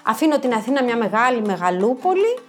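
A woman in her fifties telling personal stories in a lively way, acting out the people she quotes. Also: fairly high pitch. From Greece. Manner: lively, acts out quoted voices. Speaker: storyteller. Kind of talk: personal storytelling. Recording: faint music underneath.

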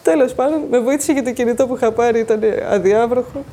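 A woman's voice: a little high, mellow. A woman giving a plain, earnest first-person account of surviving a flood. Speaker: flood survivor telling her story. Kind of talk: personal testimony.

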